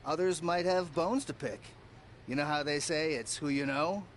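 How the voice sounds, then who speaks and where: A man's voice: a little high, moderate pace, slight background noise, natural voice. A man playing a helpful older cameraman. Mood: advising. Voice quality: calm, explaining patiently. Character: friendly veteran male cameraman, helpful mentor. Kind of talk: video game dialogue.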